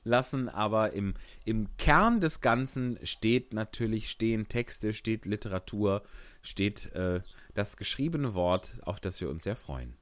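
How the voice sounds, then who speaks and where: A man reads a classic story aloud on a podcast with a lively, swinging voice, then slips into loose chat with his co-host. The sound is dry and close, with no room around it. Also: fairly low pitch, unhurried, no echo. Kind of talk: reading a novel aloud, then casual chat.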